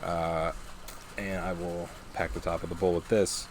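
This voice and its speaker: A man giving a casual hands-on review, talking in a measured, hesitant way as he thinks aloud. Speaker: pipe tobacco reviewer. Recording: clear steady background noise, vehicle-like rumble.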